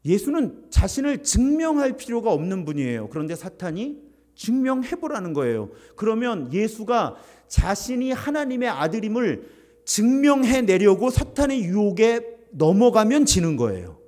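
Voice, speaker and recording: A man in his fifties, a pastor delivering a sermon in an emphatic, animated way. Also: high voice, moderate pace. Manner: animated, emphatic preaching with acted quotes.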